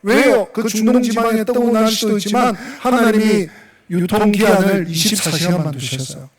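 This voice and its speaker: A male pastor preaching a sermon in a church sanctuary, animated and full of rhetorical questions. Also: high-pitched, moderate pace, a crowd in the background. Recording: echoey church hall, distant mic.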